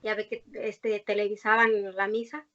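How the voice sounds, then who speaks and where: A woman's voice: mid-range voice, flat delivery, moderate pace, fairly bright tone. A young woman gives a heartfelt personal faith testimony in conversation, earnest and rambling, with many fillers and restarts. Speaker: guest giving a faith testimony. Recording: dull lo-fi recording.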